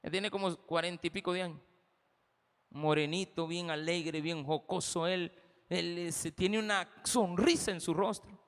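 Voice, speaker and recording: A man's voice: high voice, steady tone, moderate pace, long reverb tail. A man with a Salvadoran accent preaching a sermon as pastor, impassioned and speaking straight to the congregation. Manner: impassioned, addresses the congregation directly.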